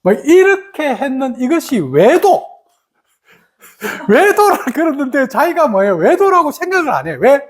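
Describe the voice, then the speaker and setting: Lively, expressive middle-aged woman teaching meditation. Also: sits high, a little slow. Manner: animated storytelling, mimics her own past complaints. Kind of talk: dharma talk.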